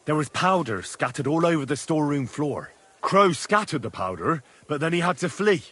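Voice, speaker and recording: An actor playing a young soldier who lays out his evidence in a steady, matter-of-fact way in a video game. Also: on the high side, normal speed, slightly rough.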